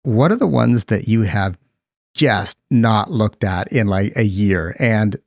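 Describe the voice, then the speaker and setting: A man hosting a podcast with a gravelly edge to his voice, chatty and quick to laugh. He ends his points with "right?" and asks open questions. The sound is close and dry. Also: lowish voice, darkish tone, dry recording. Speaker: podcast host. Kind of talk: casual podcast interviewing.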